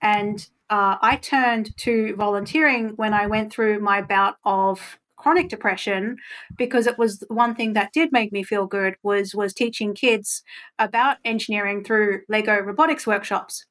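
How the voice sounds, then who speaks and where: Woman, podcast guest, reflective, candid, occasional ums, higher voice. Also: a bit bright. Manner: open, reflective, with frequent ums. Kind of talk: casual interview chat.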